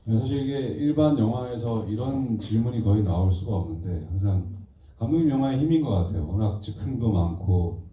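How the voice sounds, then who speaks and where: A thoughtful man with a lowish voice pauses to find his words as he reflects on his film. The sound is dull and distant, as if from a hall mic across an echoey room. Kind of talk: talk on stage after a film screening.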